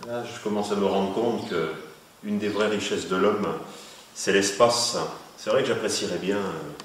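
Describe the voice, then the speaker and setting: A man's voice: fairly low pitch, steady tone, moderate pace. A man playing a modest, wry investigator who talks hesitantly with many fillers, heard with a cathedral echo from some distance. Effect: cathedral echo, voice ringing from some distance in a vast hall. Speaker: investigator on a case. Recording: cathedral-like echo, off mic, faint noise.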